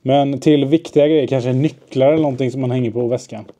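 Young male vlogger, casual and rambling, mellow tone, on a handheld camera. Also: mid-range voice, fairly even intonation. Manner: rambling, mixes in English phrases. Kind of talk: casual solo vlog. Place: basement and workplace, indoors.

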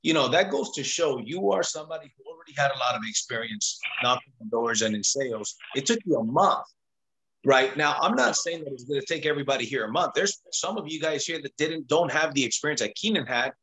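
A man's voice: mid-range voice, lively intonation, a little fast, a bit bright, slight background noise, poor audio. A man hosting a video call interview, encouraging and speaking straight to his team. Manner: encouraging, addresses the audience directly. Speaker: host. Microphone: webcam on a video call.

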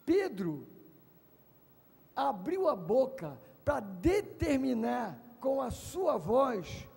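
A male pastor preaching a sermon at a congress. He speaks emphatically, shouting at times and calling on the crowd to answer him. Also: very high-pitched, very animated, drawn-out words, creaky, husky, big-room sound. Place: large congress hall.

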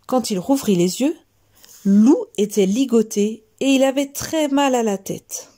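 A woman reading a children's story aloud, gentle and expressive. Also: on the high side, a little slow.

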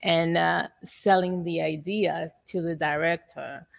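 A middle-aged woman from Haiti, an exhibition curator, speaking in a measured, reflective way on a panel in a gallery. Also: fairly low pitch, steady tone, gravelly. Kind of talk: panel discussion. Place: art gallery room, indoors.

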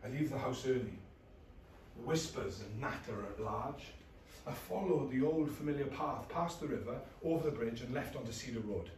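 A man's voice: medium pitch, normal speed, a little mellow. A man in his thirties performs an intense, brooding dramatic monologue from a script in short clipped phrases. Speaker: actor in a rehearsed reading. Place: small bare indoor rehearsal room. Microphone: distant camera across the room. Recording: echoey room, far from mic, faint noise.

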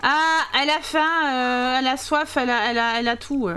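High-voiced chatty woman streaming a game. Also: brisk, pushed and bright, clear, resonant tone. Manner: chatty, teasing and sarcastic toward viewers. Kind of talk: live gameplay commentary reading chat.

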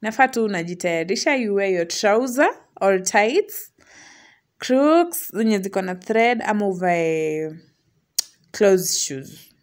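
A young woman with a Kenyan accent narrating a casual vlog, chatty and quick to laugh. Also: mid-range voice, expressive. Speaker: vlogger. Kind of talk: casual vlog voice-over mixing English and Swahili slang.

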